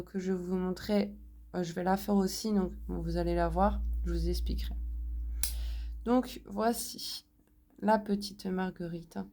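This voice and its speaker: A French woman showing her craft purchases in a casual haul video, talking slowly with many hesitations, a little hoarse because she is sick. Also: mid-range voice, darkish tone. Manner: slow, hesitant, many fillers. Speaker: crafts vlogger.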